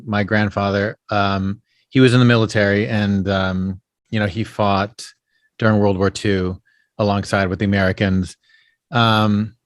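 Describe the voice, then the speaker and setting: A man with a lowish voice, an actor and puppeteer, appears as a guest on a casual podcast interview and tells rambling stories. He leans heavily on "you know" and "um" to fill pauses. The sound is dry and close, without room echo.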